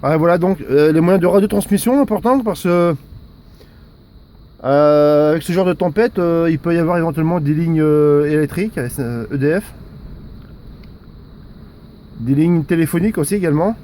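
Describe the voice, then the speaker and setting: A civil security volunteer and amateur radio operator gives laid-back commentary outside during a storm, conversational and hesitant, repeating himself often. His mellow voice is fairly high, moving at a moderate pace with frequent pauses. The recording picks up faint wind and windy outdoor noise.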